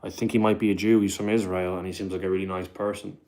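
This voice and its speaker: The man's voice is low and darkish, delivered flatly and fast. Streaming casually from home, he reads chat comments, replies in a rambling manner and calls everyone "bro," all while staying quiet for the sake of his landlord.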